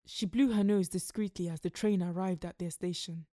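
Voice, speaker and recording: A woman reading a literary short story aloud in a measured, expressive narrating voice. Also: lowish voice, no echo, studio quality. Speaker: story reader.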